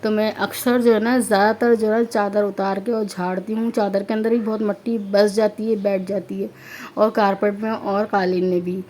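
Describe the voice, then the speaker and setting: A woman in her thirties from Pakistan, narrating her housework in a chatty, repetitive way with many fillers; her throat is hoarse. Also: mid-range voice, level tone, normal speed, a little mellow. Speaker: vlogger, homemaker. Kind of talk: casual voice-over narration.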